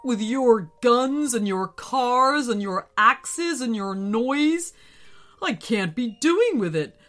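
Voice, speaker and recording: A woman's voice: on the high side, expressive, takes it slowly, fairly bright tone. A woman voicing a huge, grumpy but friendly male yeti who grumbles with a folksy, exasperated manner. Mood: grumbling.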